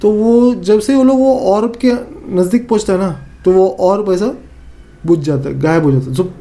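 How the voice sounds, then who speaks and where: A man with a Northeast Indian accent telling a horror story in a casual, animated way, acting out his friends' lines with many fillers and repeats. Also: sits high, normal speed.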